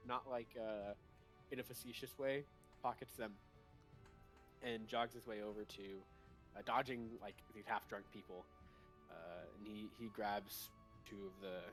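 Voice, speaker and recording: A man running a tabletop game as game master, narrating in an improvised, halting way. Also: medium pitch.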